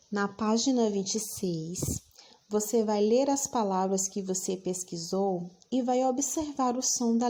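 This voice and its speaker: A woman teacher, giving a recorded lesson for children and dictating words slowly, repeating each one. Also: fairly high pitch, dark tone.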